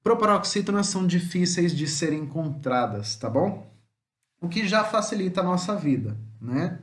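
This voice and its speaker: A man with a Brazilian Portuguese accent teaching an online language lesson, patiently explaining and often checking in with the listener, slowly spelling out words syllable by syllable. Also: high-pitched, animated.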